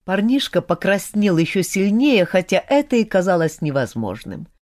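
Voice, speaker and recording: A woman narrating a novel as an audiobook with expressive storytelling. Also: mid-range voice, normal speed.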